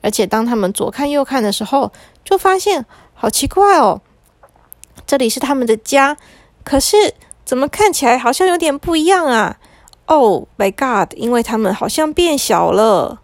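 Quick, slightly preachy woman storyteller. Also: high voice, animated, no echo. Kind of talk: bedtime story reading for children.

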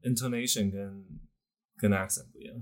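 A man's voice: lowish voice, steady tone, moderate pace. A man co-hosting a casual podcast chat as an English teacher, making brief, blunt remarks.

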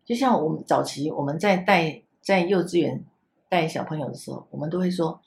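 An older woman with a Taiwanese Mandarin accent, a grandmother and former kindergarten teacher, chatting on a podcast and gently acting out how she talks to children. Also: sits low, fairly quick, gravelly. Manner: gentle, repeats herself, acts out soft talk to children. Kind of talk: casual podcast chat.

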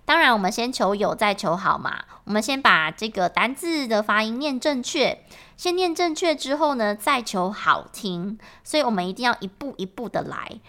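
A woman's voice: on the high side, lively intonation, moderate pace, fairly bright tone. Taiwanese woman explaining a lesson. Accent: Taiwanese Mandarin. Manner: explanatory, patient. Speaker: English teacher. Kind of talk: podcast lesson.

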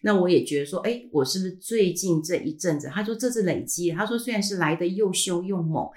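A woman's voice: fairly low pitch, lively intonation, a little fast, a little mellow. A middle-aged woman with a Taiwanese Mandarin accent, telling a personal story in a casual podcast chat, full of fillers and trailing "ha" tags, her throat still healing. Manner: chatty, frequent filler sounds and trailing "ha" tags. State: recovering from a throat illness. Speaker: podcast host.

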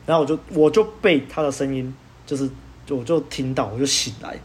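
A young man, hosting a podcast and telling a story in casual chat, animated and laughing as he goes. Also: mid-range voice, a little fast, slight background noise. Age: young adult. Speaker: podcast host.

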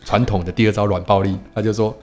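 A man telling a story in casual podcast chat, animated, quoting people and asking rhetorical questions. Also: lowish voice, fast, soft background music. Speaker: podcast co-host; teacher.

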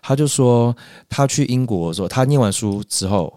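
A man's voice: medium pitch, no room sound. A man from Taiwan with a Taiwanese Mandarin accent, a podcast guest chatting casually and telling stories with animation, close to the microphone. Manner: animated storyteller, quick to laugh. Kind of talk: casual chat.

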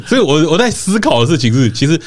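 Man, podcast host, lively rising and falling voice, swears casually. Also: a little high, fast. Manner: animated, swearing, storytelling. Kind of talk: casual chat.

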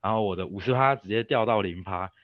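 Young taiwanese guy rambling thru a story on a podcast, deep voice, kinda dull lo-fi audio. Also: fast talker, no echo. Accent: Taiwanese Mandarin. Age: young adult. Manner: rambling, self-interrupting with fillers. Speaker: guest. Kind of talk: casual storytelling.

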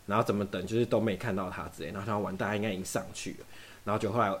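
A man's voice: on the low side, steady tone, very fast, slight background noise. A young man from Taiwan telling a long story in casual chat, acting out both sides of every exchange. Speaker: podcast guest.

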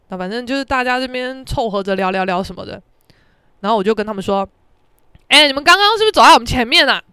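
A woman with a Taiwanese Mandarin accent hosts a podcast, narrating a casual story monologue in a brash, dramatic and profane way and shouting out reenacted quotes. Her voice is mid-range and smooth, in a dry recording.

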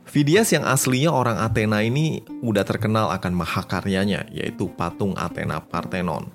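A man tells old history like a chat with friends, slangy and loose, slipping in English phrases. His voice sits a little low. Soft music plays faintly behind him. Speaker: history channel narrator. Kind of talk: casual storytelling narration.

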